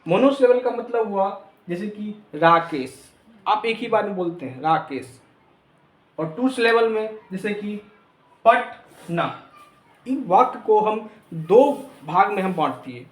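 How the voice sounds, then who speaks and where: A man's voice: high voice, expressive, moderate pace, roomy sound. A man teaching a lesson, spelling letters out one by one. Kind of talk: classroom lesson.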